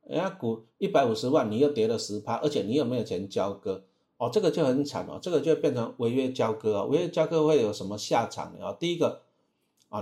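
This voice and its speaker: Gravelly Taiwanese-accented man, chatty teacher. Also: medium pitch, a little mellow. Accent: Taiwanese Mandarin. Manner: chatty, many drawn-out filler sounds and rhetorical questions. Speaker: stock trading teacher. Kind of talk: casual talk on investing.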